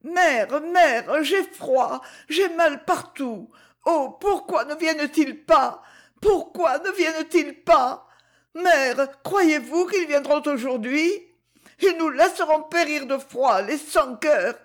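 A woman's voice: high-pitched, slow, voice pushed up. A woman reading aloud, voicing a frightened, freezing young girl who pleads through tears. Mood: despairing. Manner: pleading, tearful, sobbing.

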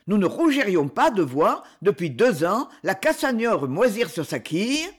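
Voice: medium pitch, big pitch swings, normal speed, slightly rough. A reader voicing a pompous old male sea captain who gives a rousing, declamatory speech in an audiobook. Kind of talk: audiobook reading.

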